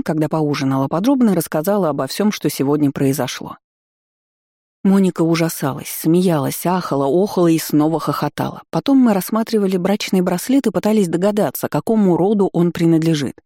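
Expressive first-person audiobook reader, warm tone, close dry booth sound. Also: mid-range voice, no room sound. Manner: lively, expressive storytelling. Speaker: audiobook narrator.

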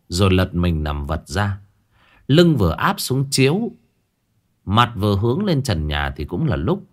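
A man narrating a horror story in a dramatic, scripted telling. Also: fairly low pitch. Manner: dramatic, lively delivery with drawn-out phrasing.

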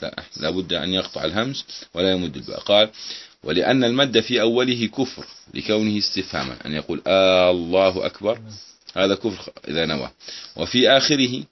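Brief: deep-voiced male teacher, reads a text then explains it briskly, on a dull lo-fi recording. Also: very animated, slight background noise. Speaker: Islamic jurisprudence teacher. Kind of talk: classroom lecture explaining a legal text.

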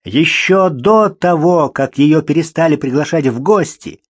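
A man narrating an audiobook in a measured, even storytelling manner. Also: a little high, breathy edge, no room sound, clean studio sound.

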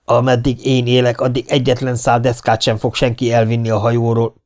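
A man's voice: medium pitch, completely flat delivery, a little mellow, lightly acted. A man voicing a young male lieutenant, a stubborn officer who gives firm, clipped orders in an audiobook. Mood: stern.

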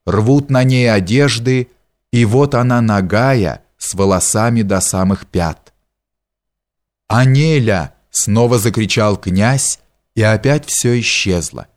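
A man reading a story aloud in measured, deliberate audiobook narration. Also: fairly low pitch, darkish tone. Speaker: audiobook reader.

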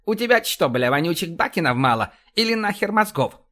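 A male narrator voicing a hot-tempered, swearing male police vice-admiral who yelps and shouts. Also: very animated, normal speed. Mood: agitated. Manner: shrill, yelping, loud.

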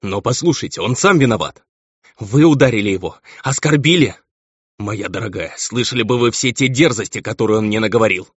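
A man's voice: fairly low pitch, expressive, fairly quick, breathy edge, no room sound, pitched above the performer's own voice. A man voicing a pompous, contemptuous baron and cruel husband, on a dull, lo-fi recording. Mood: indignant.

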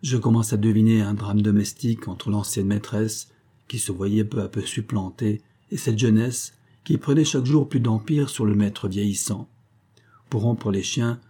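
Male narrator, dark mellow voice, measured audiobook reading. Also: fairly low pitch, steady tone, slightly rough.

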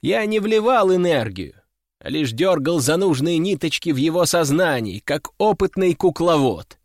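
A man narrating a first-person audiobook story in a wry, measured way. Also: a little high, animated, dry recording, clean studio sound. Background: faint music.

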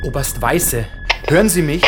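In a radio drama, a man with a fairly high, animated, natural-sounding voice plays a frightened police inspector reporting from a massacre. Shaken, he stammers and halts, growing more panicked, with faint music in the background.

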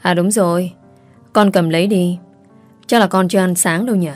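A woman voicing a bossy, quick-tempered middle-aged mother. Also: lowish voice, steady tone, soft background music, natural voice. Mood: kindly. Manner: scolding, emphatic.

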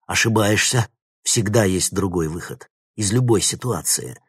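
A man's voice: medium pitch, very animated, fairly quick, husky, dry recording, studio quality, pitched above the performer's own voice. A male narrator voicing an earnest teenage boy hero who pleads in a firm, urgent way.

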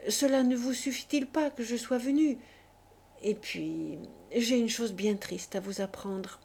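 A woman's voice: a little high, measured pace, creaky, dark tone, slightly rough, exaggerated voice. A woman voicing a torn, embarrassed woman who speaks hesitantly and earnestly.

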